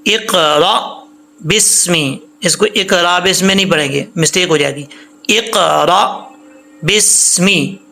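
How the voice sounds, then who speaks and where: A man teaching how to recite the Quran, patiently explaining rules and slowly chanting the verses. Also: on the high side, gravelly, sharp tone. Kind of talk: Quran reading lesson with recitation.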